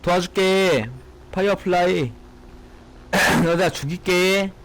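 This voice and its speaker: A young man giving excitable, swearing commentary on his gameplay from a small room at home, tipsy from drinking. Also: on the high side, unhurried, poor audio. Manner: excitable, swearing, shouting at enemies. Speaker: gaming streamer.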